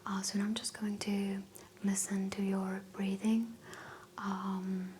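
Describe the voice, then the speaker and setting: A woman whispering gently as a doctor in a medical ASMR roleplay, giving soft step-by-step instructions. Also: mid-range voice, level tone, takes it slowly, slight background noise.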